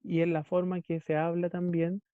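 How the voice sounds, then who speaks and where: A man's voice: high voice, completely flat delivery, normal speed, smooth, no echo. A man lecturing a class, often checking in with his listeners and acting out little dialogues between devices. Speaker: teacher. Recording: dull, muffled lo-fi recording.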